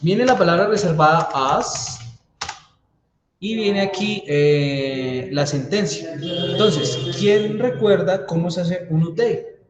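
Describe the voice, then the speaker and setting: A man's voice: high-pitched, slow pace, crowd noise. A man teaching a university database class, walking students through code step by step and checking in with them often. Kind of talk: live coding class lecture. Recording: echoey room, faint keyboard typing.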